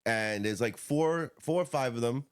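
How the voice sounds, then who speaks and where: A man's voice: medium pitch, moderate pace, clear, resonant tone. A man co-hosting a podcast, chatting casually and rambling, often calling his friend "bro". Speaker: podcast co-host. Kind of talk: casual chat.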